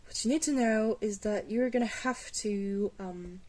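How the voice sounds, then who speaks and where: A woman plays a glamorous vampire mentor in an ASMR roleplay, patient and reassuring with a gently wry edge and a soft, hesitant delivery. She sounds wry as she explains things, at a medium pitch and measured pace, lightly acted.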